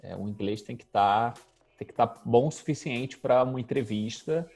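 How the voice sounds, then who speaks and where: A man's voice: medium pitch, moderate pace, vocal fry, soft background music. A man, a guest speaking in a casual interview and thinking aloud as he goes. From Rio de Janeiro, Brazil. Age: 30s. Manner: relaxed, thinking aloud with fillers. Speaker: guest, UX designer.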